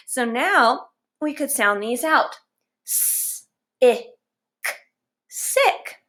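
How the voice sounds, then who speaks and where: A woman's voice: fairly high pitch, fairly bright tone. A woman teacher giving a phonics lesson to young children, sounding out letters one by one and praising them as they go.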